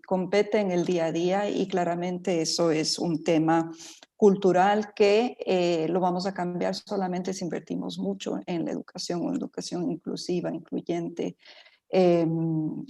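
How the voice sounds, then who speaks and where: Low, mellow-voiced woman from Ecuador. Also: gravelly. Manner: thoughtful, many fillers and restarts. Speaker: panelist. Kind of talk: online panel talk.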